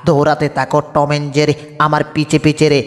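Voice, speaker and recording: A man plays a greedy cartoon lion who cackles and brags about eating baby birds. The voice sits a little high. It rings out with a long echo. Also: completely flat delivery, fast talker, close to an everyday voice. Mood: gloating. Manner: cackling and boastful, wails when hurt. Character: gloating greedy male lion villain. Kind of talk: homemade cartoon dub. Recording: long reverb, echoey room.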